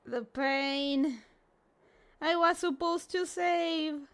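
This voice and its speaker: Female livestream host, cute anime-streamer style, high voice, unhurried pace, playful casual chat. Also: a bit bright. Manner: sprinkles Japanese greetings into talk. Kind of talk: casual livestream chat, reacting to videos and greeting viewers.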